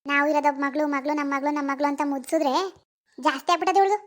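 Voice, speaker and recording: Cartoon mother, enraged, voiced by a woman, very high and shrill, rattles off insults at speed. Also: lightly acted. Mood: angry scolding. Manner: shrill, rapid scolding with insults. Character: furious village mother scolding her teenage daughter.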